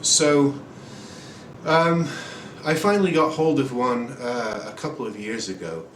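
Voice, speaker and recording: In a laid-back home guitar review, a man in his forties wanders through his thoughts, dropping plenty of ums and uhs at a measured pace in a mid-range voice. The sound comes from a far-off camera mic in a small indoor room, roomy and noisy, with acoustic guitar playing behind him.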